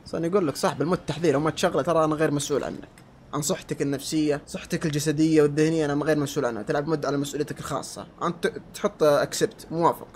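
A man commentating his own gameplay at a rapid clip, in a voice sitting a little high for a man. He swings between yelling insults at enemies and quiet muttering to himself, with a faint hiss of noise underneath. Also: fairly even intonation. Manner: shouts insults at enemies, then drops to low muttering. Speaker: gamer. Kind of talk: let's-play commentary.

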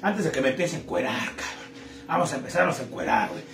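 Brief: high-pitched Mexican man, crude slang, live-stream joke teller, echoey room with faint noise. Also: lively intonation, fast talker, creaky. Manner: crude slang, chatty, greets viewers. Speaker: streamer telling jokes.

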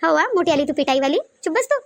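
A woman voicing a defiant village woman who snaps back at her accusers, with a Varhadi Marathi accent and sharp retorts. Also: high voice, big pitch swings, fast talker, no room sound.

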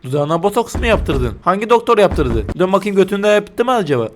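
Young male gamer, high voice, crude and jokey let's play commentary, shrieks at jump scares, faint background noise. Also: sing-song, brisk. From Turkey. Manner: crude, joking, bursts into shrieks when startled. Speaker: gaming YouTuber.

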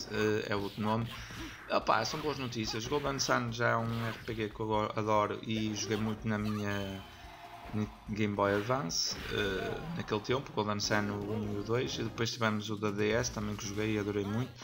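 Portuguese guy from portugal accent, lowish voice, casual gaming news, game music clearly behind him. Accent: European Portuguese. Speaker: gaming channel host. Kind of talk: casual news commentary over gameplay. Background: video game music.

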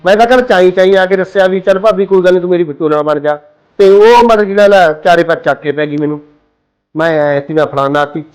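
A man's voice: high voice, steady tone, fast, clean tone, soft background music, lightly acted. An actor playing a young man on night duty who insists and complains to his mother and sister-in-law. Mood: aggrieved. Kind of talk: Punjabi short film acting.

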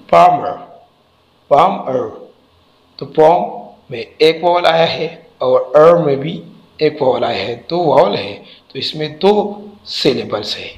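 Slow, deliberate male teacher. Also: fairly high pitch, rough recording. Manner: deliberate, spells out letters and repeats words. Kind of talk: textbook lesson explanation.

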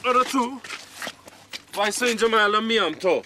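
A man's voice: sits high, background noise, close to an everyday voice. An actor playing a pompous, boastful male police detective in a TV sitcom, talking formally and self-importantly. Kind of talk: TV sitcom acting.

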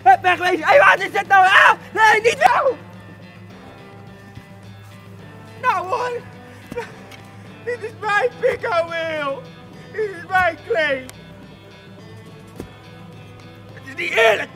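A man playing an excitable, hapless gold prospector in an exaggerated comic children's western, whiny and exclaiming. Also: very high-pitched, measured pace, over music, exaggerated voice. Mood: indignant. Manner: whiny, over-the-top, exclaiming.

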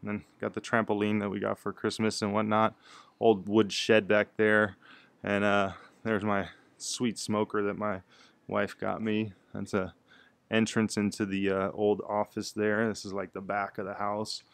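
A man in his thirties narrates a walk through his home, recorded on the camera he carries from room to room. His voice sits low and stays flat, with little rise or fall. He talks in a loose, rambling way, full of fillers and restarts. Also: measured pace, vocal fry. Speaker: vlogger giving a house tour. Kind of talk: casual house-tour narration. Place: indoors in a house, walking room to room.

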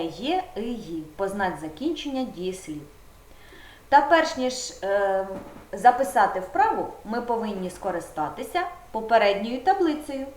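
A woman teaching a primary school video lesson, patiently guiding the pupil step by step. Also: medium pitch. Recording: roomy echo with faint background noise.

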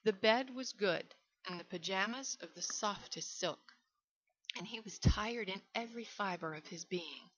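A woman reading a short story aloud in a measured, steady way. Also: medium pitch. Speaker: reader. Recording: dull lo-fi recording.

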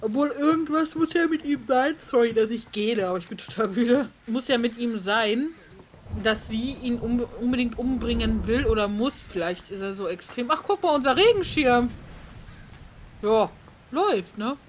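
Girl doing lets play commentary, thinking out loud, slightly high voice, faint hiss. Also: lively intonation, normal speed. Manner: chatty, musing aloud. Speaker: let's play host. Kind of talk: casual gameplay commentary.

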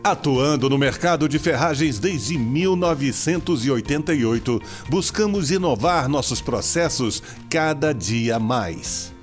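A man with a Brazilian accent narrating a corporate commercial in a steady, formal way. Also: medium pitch. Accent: Brazilian Portuguese.

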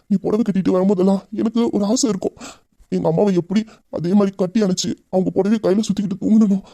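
A man's voice: high-pitched, warm tone, dry recording. A man with a Tamil accent playing a loving young husband who grieves his mother, talking intimately and heartfelt. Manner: intimate, heartfelt, rapid talk. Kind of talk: romantic audio drama.

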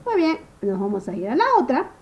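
A woman teaching a first-grade phonics lesson to young children. She talks slowly in a sing-song way, stretches out words and keeps checking in with the class. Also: fairly high pitch, big pitch swings, darkish tone, dull audio. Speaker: primary school teacher.

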